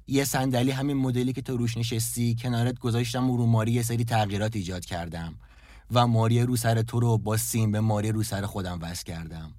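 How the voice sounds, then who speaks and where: Guy doing a dark broody grieving man, low steady confession, dry close sound. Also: no echo, lightly acted. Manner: low, somber, confessional monologue. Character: brooding grieving man obsessed with lost love. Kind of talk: audio drama reading.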